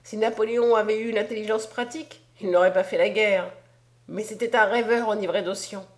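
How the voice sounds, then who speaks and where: A woman's voice: mid-range voice, steady tone, brisk, natural voice. A woman reading aloud as a scornful, hefty male angel prince in an audiobook, declaiming with mockery. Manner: mocking, declamatory.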